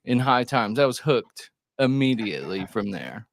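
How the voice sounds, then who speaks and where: Male guest from Alabama, casual chat, easygoing storyteller, mid pitch. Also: very animated, normal speed, creaky, no echo. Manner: friendly, laid-back storyteller. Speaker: guest grower. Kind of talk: casual podcast interview.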